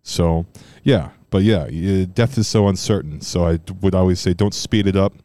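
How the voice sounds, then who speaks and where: Brief: low, smooth-voiced man, loose rambling podcast talk, dry close mic at home. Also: normal speed. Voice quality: strong loud voice, at times monotone. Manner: rambling, loose and profane, many fillers. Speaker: podcast host. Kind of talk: casual solo podcast chat. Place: room at home.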